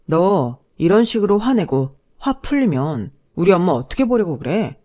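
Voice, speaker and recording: A woman's voice: fairly low pitch, big pitch swings, moderate pace, warm tone. A woman voicing an entitled young man who lectures his fiancée dismissively. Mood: lecturing.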